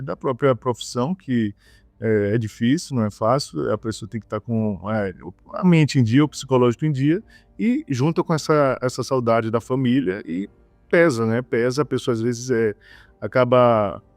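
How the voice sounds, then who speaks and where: A man's voice: medium pitch, moderate pace, a little mellow, no echo, faint music behind. A man from Bahia, answering interview questions with many fillers and repeated words. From Bahia, Brazil. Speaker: guest. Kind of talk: conversational interview.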